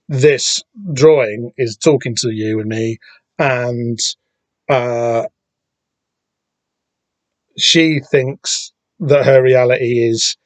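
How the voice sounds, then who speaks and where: This podcast host has a medium-pitched voice and talks alone about comic books, wandering from point to point, filling gaps and correcting himself constantly. The recording, made at home with the door open on a summer day, has no room sound.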